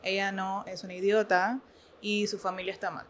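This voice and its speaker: A woman's voice: medium pitch, little pitch movement, moderate pace. A woman chatting with friends, giving her opinion firmly. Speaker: guest friend. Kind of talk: casual chat among friends. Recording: faint background noise.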